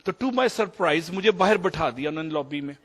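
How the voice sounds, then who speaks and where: Pakistani man, fifties, slightly high voice, digressive storyteller mixing in English. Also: animated, husky. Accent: Pakistani Urdu. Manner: anecdotal, digressive, mixes English phrases. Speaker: doctor sharing experiences. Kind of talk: storytelling talk.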